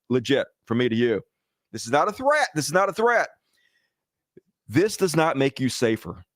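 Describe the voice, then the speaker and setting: Profane political ranter, male, high-pitched, dry close sound. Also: dry recording. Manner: profane, heated ranting, addresses viewers as folks. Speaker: political commentary host. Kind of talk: angry political commentary.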